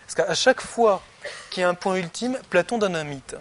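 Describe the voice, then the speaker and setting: A man lecturing on philosophy in a relaxed classroom manner, his voice sitting a little higher than most men's. He keeps checking in with his audience as he goes and talks in loose, spoken sentences rather than polished prose. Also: normal speed, slight background noise. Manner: conversational, peppered with "hein" and "vous voyez".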